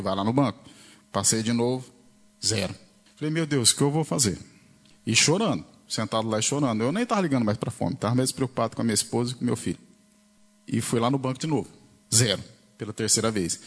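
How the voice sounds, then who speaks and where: Brazilian male testimony giver, mid-pitched, lively retelling of dialogue. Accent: Brazilian Portuguese. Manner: storytelling, acts out the dialogue with shifts of pitch. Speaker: church member giving a testimony. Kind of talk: emotional spoken testimony.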